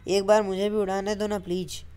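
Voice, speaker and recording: A woman's voice: mid-range voice, little pitch movement, fairly quick, mellow, clean tone, faint music behind, natural voice. A woman voicing a wheedling prankster guy. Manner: wheedling, begging, teasing. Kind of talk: comic voice-over dub.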